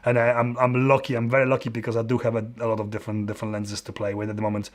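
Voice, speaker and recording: His voice sits on the low side and his delivery is completely flat: a Polish man in his forties, a photographer and YouTuber, answering questions on a live stream from his dark home studio. He speaks with a Polish accent, halting and restarting with many fillers, yet stays friendly and open in the casual chat.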